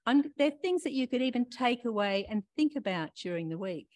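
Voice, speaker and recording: Woman preaching a gentle, reflective sermon. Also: on the high side, lively intonation, fairly quick, no room sound. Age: older. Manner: warm questioning, talks to listeners directly.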